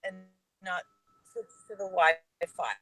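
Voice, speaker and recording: A woman on a video call from her phone in a car, talking in halting fragments while her connection drops out and breaks up. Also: fairly low pitch, fairly bright tone, husky, no echo, soft background music, poor audio. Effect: call dropping out, voice breaking up. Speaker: panel guest. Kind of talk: casual chat on a video call. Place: inside a parked car. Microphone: phone on mobile data.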